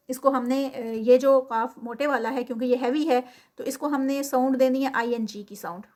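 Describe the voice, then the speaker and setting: A woman with a high voice teaches recitation rules in a patient, step-by-step way. She stops often to chant sample words slowly and stretched out, then goes back to explaining. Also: a little mellow.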